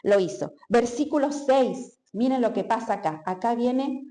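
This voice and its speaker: Woman preacher, expressive, repeats for emphasis; echoey church hall. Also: fairly high pitch, measured pace. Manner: expressive, acts out quotes, repeats phrases for emphasis. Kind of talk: sermon.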